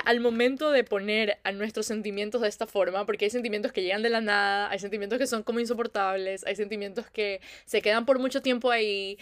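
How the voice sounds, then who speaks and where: A woman's voice: mid-range voice, dry recording, clean studio sound. A young woman talks reflectively about feelings as a podcast host, chatty with many fillers. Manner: warm, chatty, many filler "como que". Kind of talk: reflective casual talk.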